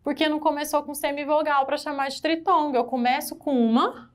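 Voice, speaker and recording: Brazilian woman teacher, somewhat high voice, lively exam-prep lesson that keeps quizzing the class. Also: brisk. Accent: Brazilian Portuguese. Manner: lively, asks the class questions. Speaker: Portuguese-language teacher.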